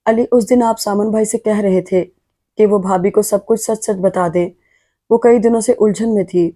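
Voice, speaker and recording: A woman's voice: medium pitch, fairly even intonation, measured pace, warm tone, natural voice. A woman reading as a curious, insistent young wife. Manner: insistent, questioning.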